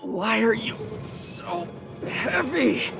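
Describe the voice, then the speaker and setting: Young, animated American superhero. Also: male voice, very high-pitched, drawn-out words, gravelly, over loud music, heavily acted. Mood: straining. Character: young wisecracking, earnest male superhero. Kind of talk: video game voice acting.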